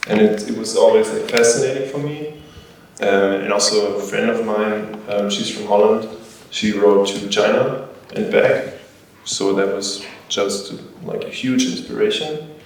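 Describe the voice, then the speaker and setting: Halting man, slow, echoey. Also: fairly low pitch, steady tone. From Germany. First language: German. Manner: halting, many fillers, searching for words. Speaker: band member, guest. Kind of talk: casual panel interview. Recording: echoey hall, distant mic, faint noise.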